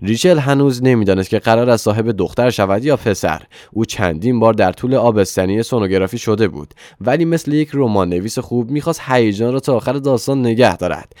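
A man narrating a novel in a steady, even storytelling voice. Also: mid-range voice, no echo, studio quality. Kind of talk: scripted audiobook narration.

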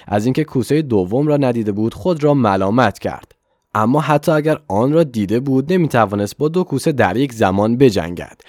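A man narrating a story as a reader, with steady, measured delivery. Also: medium pitch, dry recording, studio quality. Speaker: audiobook narrator. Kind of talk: scripted narration.

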